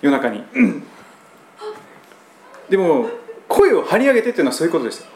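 Japanese pastor guy preaching, voice swings up and down a lot, echoey church sound. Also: fairly quick. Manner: conversational preaching with lively, pitch-swinging emphasis. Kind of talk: sermon. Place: church sanctuary. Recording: roomy church hall echo, faint background hum.

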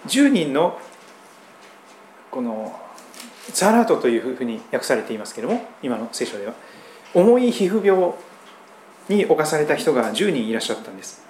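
A man's voice: normal speed, long pauses. A man from Japan, a pastor preaching a sermon in a conversational style with strong emphasis. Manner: conversational preaching with lively, pitch-swinging emphasis. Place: church sanctuary. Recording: roomy church hall echo, faint background hum.

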